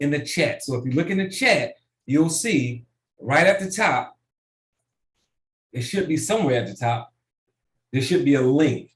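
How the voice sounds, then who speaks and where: Man coaching over a roomy video call. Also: medium pitch. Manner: casual, repeats "right?" often. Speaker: business coach. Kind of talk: online tutorial training.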